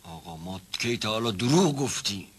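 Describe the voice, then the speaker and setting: With a medium-pitched, sing-song voice full of vocal fry and huskiness, an actor gives a full character performance as a nervous old manservant in a 1970s television drama. The timid servant rambles, stammers, repeats himself, and evades every question.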